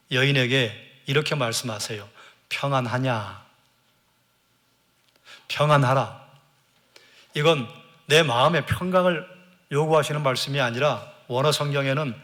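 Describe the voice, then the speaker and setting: A man's voice: medium pitch, fairly bright tone. A male pastor from South Korea preaching a Sunday sermon. He has the congregation repeat phrases after him, asks rhetorical questions and answers them himself, and briefly acts out quoted lines.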